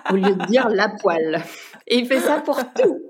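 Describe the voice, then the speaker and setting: A woman from France, a podcast guest and entrepreneur, chatting casually with many pauses and fillers, laughing now and then. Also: medium pitch, animated. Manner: hesitant, many fillers and restarts, laughs often. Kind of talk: casual chat.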